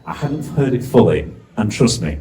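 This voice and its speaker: A middle-aged man with a Yorkshire accent compères a live stage event, very animated, chatty and jokey as he asks the crowd questions. His voice sits on the low side, mellow and moderately paced, in a low-quality recording.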